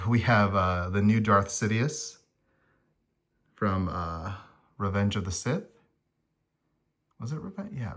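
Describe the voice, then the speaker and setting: A man casually walking through his collectible figure displays, chatty and rambling, often pausing with ums and correcting himself. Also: on the low side. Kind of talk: casual vlog walkthrough.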